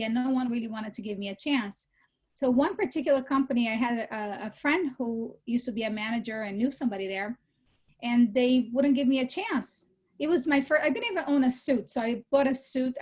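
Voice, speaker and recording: A Brazilian woman in her thirties who works as a real estate executive tells her story as a guest in a casual interview chat. Her voice is on the high side, and she is animated and lively, laughing and correcting herself as she goes.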